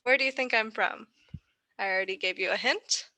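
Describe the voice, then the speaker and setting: A woman's voice: a little high, fairly quick, bright, forceful tone, dry recording. A young American woman giving a friendly online lecture, often asking the class questions over a video call. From United States.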